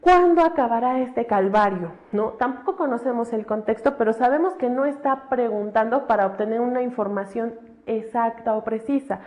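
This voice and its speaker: A woman's voice: a little high, brisk. A woman teacher, giving a recorded lecture and often checking in with tag questions. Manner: explains with frequent tag questions, animated examples. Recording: dull lo-fi recording.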